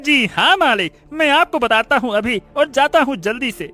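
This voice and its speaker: A man putting on a high voice for an eager, fawning servant. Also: animated, moderate pace, pushed and bright, faint music behind, exaggerated voice. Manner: obsequious.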